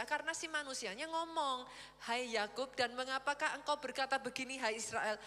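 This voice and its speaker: Woman pastor, very high voice, lively sermon, echoey church hall. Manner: lively preaching, acts out quoted voices.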